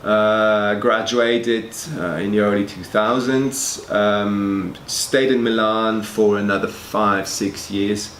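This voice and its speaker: A man's voice: on the low side, little pitch movement, takes it slowly, hardly any pauses, a bit bright. A man in his forties from Switzerland, a fashion school's director of education, answering interview questions hesitantly and often repeating words. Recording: echoey room, faint noise.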